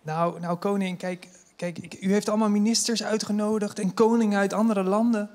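A man's voice: high voice, steady tone, a little fast, darkish tone, big-room sound, lightly acted. A man playing a timid, poor young man who stammers and hesitates, afraid of the king. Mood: nervous.

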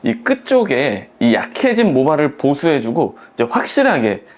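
A man's voice: on the high side, huge pitch swings, normal speed. A man, a hair salon director, explaining a perm process step by step in an instructional demonstration, with frequent fillers.

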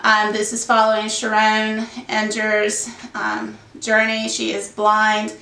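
In a casual book wrap-up recorded at home with shelves behind her, a woman in her thirties slowly rambles through her month of reading despite a sinus cold. Her mid-range voice is gravelly but bright, and she's full of ums and self-corrections. Because the camera mic is a little far off, the sound is roomy with echo.

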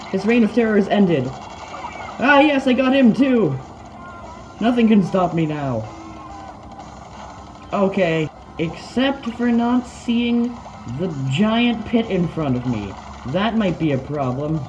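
A woman giving casual, playful, self-mocking commentary on her own gameplay, with bursts of excited yelps. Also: lowish voice, lo-fi sound, slight background noise.

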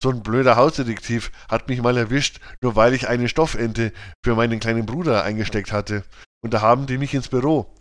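A man's voice: medium pitch, fairly even intonation, a little fast, natural voice. A man voicing an impulsive girl who speaks urgently as she explains herself.

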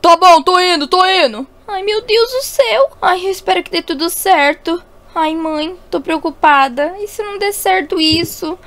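Brief: a Brazilian woman as an anxious teen big sister with a very high voice, all dramatic sighs and cries, for a game roleplay story. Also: normal speed, fairly bright tone. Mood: urgent. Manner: dramatic, fretful exclamations. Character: worried teenage girl, anxious big sister.

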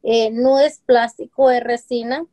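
With a slightly high, warm voice, steady tone and measured pace, a woman in her forties talks as a guest in a casual video-call interview. The webcam captures her in a home room with shelves of colorful containers; she runs a home business and explains things chattily with examples, saying "este" and "eh" a lot.

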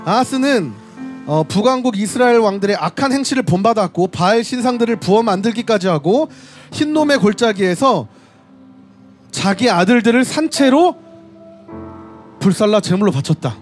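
A man delivers a sermon at a street worship service with a strikingly high voice. He retells scripture in a storytelling way and speaks directly to the people gathered. A faint strain of music sits behind him. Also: lively intonation, normal speed. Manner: storytelling, reading scripture aloud and addressing the audience directly. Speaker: preacher.

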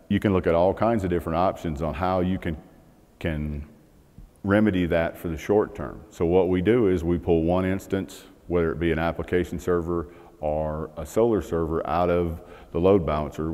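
Long hall reverb surrounds this middle-aged conference speaker as he presents a technical talk on a large stage. His deep, warm voice comes across conversationally, with fillers and restarts.

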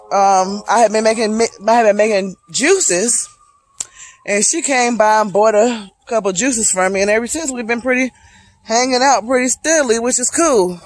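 This casual vlog monologue comes from a Charlotte, North Carolina woman in her late thirties hiking a wooded trail, phone held out at arm's length. Speaking at a measured pace with frequent pauses, her voice on the high side, she reflects and motivates, calling her viewers "y'all."

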